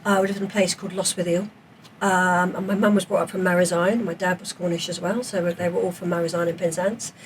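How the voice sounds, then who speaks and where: A woman in her fifties tells her story at a quick clip, lively and chatty as a podcast guest. She sits a little back from the mic. A faint hiss hangs behind her. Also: on the low side, distant mic. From England, raised in South Africa. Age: 50s. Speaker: podcast guest, former police officer. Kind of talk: casual interview chat.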